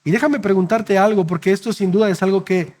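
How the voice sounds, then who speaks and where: In his sermon, a high-pitched male pastor speaks earnestly and directly to his listeners, turning quiet and slow at emotional peaks.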